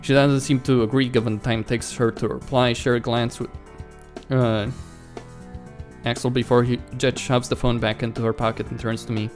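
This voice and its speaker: At a moderate pace and in a level, mid-range voice, a man hosting a let's play acts out a visual novel's dialogue and reacts casually, swearing mildly now and then. Game music sounds in the background.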